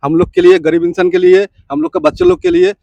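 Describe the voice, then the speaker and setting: A man's voice: sits high, sing-song, quick pace, gravelly, warm tone, no room sound, dull audio. A man who runs a small food stall, making earnest, pleading appeals for help in a street interview.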